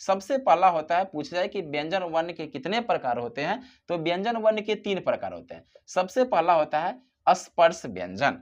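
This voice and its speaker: In a classroom-style grammar lesson, a teacher with a medium-pitched voice asks questions and answers them, stretching out example sounds to show how long they are. The audio is lo-fi.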